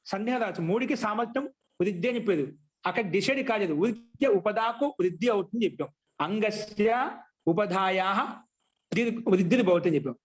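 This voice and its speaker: A man giving a grammar lesson, asking questions and answering them himself, and slowly chanting rules. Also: high-pitched, expressive, breathy edge. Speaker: Sanskrit grammar teacher. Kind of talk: classroom lecture.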